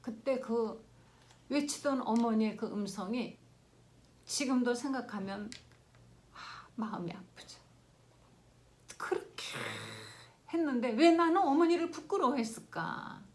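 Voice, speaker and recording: An older woman pastor preaching a sermon in an earnest storytelling way, swinging between loud exclaiming and hushed whispers. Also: on the high side, animated, unhurried, long pauses, slight background noise.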